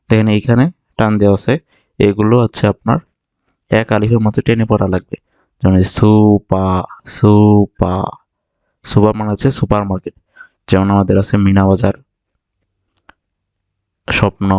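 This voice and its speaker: A man from Bangladesh teaching vocabulary, explaining patiently and repeating each word slowly for learners. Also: on the low side, warm tone, no echo, dull audio. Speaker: Japanese language teacher. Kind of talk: vocabulary lesson narration.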